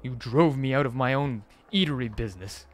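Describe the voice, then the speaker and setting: A man voicing a bitter rival restaurateur with psionic powers, ranting loudly and indignantly. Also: medium pitch, brisk, faint music behind, voice pushed up, natural voice.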